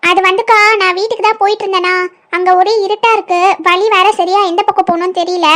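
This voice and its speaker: A woman voicing a timid young woman ghost in a cartoon, speaking softly and haltingly. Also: very high voice, steady tone. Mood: hesitant. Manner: soft, hesitant, quiet. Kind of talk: cartoon voice acting.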